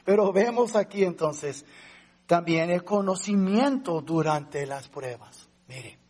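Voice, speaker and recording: Husky high-voiced man preaching a sermon. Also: lively intonation, takes it slowly, darkish tone. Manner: conversational preaching, addresses listeners as brothers; asks rhetorical questions to the congregation. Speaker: pastor.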